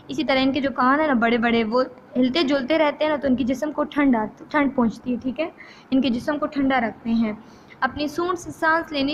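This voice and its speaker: A woman teacher from Pakistan reading a textbook lesson slowly, then re-explaining each point and checking in with her students. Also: high-pitched, a bit bright, a little hiss or hum, low-quality recording.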